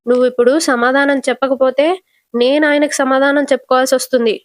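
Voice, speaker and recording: A woman voicing a stern middle-aged mother who scolds firmly, quoted while retelling a TV serial scene in her own fairly high voice. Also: level tone, fast, dry recording, clean studio sound, natural voice. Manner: firm, scolding tone.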